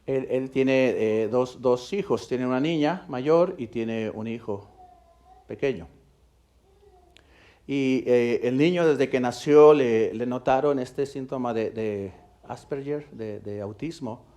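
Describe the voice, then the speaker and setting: A male pastor preaching a sermon. He tells a story, swinging between loud, emphatic peaks and soft, hushed passages. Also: medium pitch, slow.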